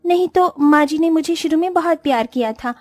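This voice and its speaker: Cartoon role: woman playing a selfish rich bride, very high and bossy, dry read. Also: fairly quick, a little mellow, no echo, soft background music, close to an everyday voice. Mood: regretful. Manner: demanding, shrill, scolding. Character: spoiled rich young bride, selfish and haughty.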